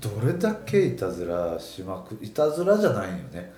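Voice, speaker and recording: A man's voice: on the low side, quick pace. A man with a Kansai accent chatting casually and telling stories with lots of laughter. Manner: animated storytelling, laughs often. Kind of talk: casual chat. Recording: roomy echo, faint music.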